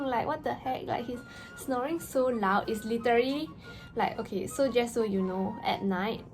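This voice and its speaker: A young woman telling a story in a casual vlog rant, with an animated, exasperated, slangy delivery and emphatic stresses. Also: a little high, low-quality recording. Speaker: vlogger. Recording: music playing behind the voice. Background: background music.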